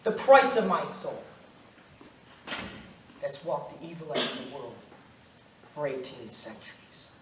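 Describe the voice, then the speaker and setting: A young male actor portrays a Judas-like accusing ghost, eighteen centuries old, grave and relentless, in an amateur play. His high voice makes big pitch swings while he narrates solemnly, deliberately and declamatorily, with an ominous, mournful feel. The sound is roomy and noisy, recorded from a distance on stage.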